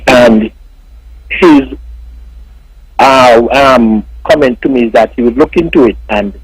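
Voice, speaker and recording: A man's voice: mid-range voice, slow, no echo. A man from Saint Kitts, calling a talk radio show over the phone and speaking formally to the host. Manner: formal, keeps addressing the host as Mister. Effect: heard over a phone line. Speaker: radio call-in caller. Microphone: telephone. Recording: dry, husky phone-line audio.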